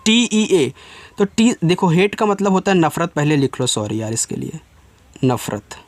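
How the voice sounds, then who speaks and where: A man's voice: on the high side, sing-song, normal speed, darkish tone, dry recording. A man teaching a spoken lesson. He spells out words letter by letter, then asks his students the answer and gives it himself, in an informal way. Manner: informal, addresses students directly. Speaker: English teacher.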